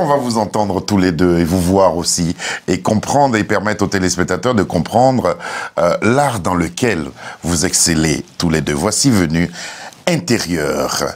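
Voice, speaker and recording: A man hosting a TV interview in a studio, asking questions and giving steady agreeing replies. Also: deep voice. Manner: affirming, frequent backchannel "ouais". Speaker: TV journalist host.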